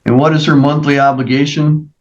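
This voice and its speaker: A man's voice: a little high, little pitch movement, brisk. Stern lecturing male judge, lo-fi. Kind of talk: virtual court hearing.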